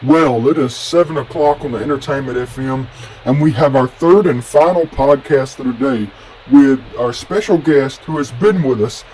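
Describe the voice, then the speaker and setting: A man's voice: medium pitch, moderate pace, a little mellow, a little hiss or hum, low-quality recording. A man playing a radio host in a comedy sketch, presenting in an announcer-like way.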